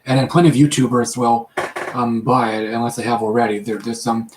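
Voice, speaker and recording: A man chats casually on a live stream, and he keeps restarting his sentences with repeated words and lots of ums. His pitch sits in the middle for a man. The sound has a roomy echo. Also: flat delivery, a little mellow, a little hiss or hum. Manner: halting, many repetitions and fillers. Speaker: live chat host. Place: his room.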